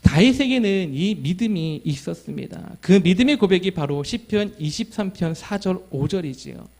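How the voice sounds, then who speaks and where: Pastor, man, high voice, earnest sermon delivery that asks the congregation questions. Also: lively intonation, moderate pace, a little mellow. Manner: tells a family story and acts out his child's lines.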